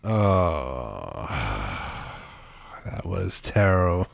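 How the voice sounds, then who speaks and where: A man's voice: sits low, very animated, extremely slow, vocal fry. A young man hosting a casual podcast chat, teasing his guest and laughing often. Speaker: podcast host.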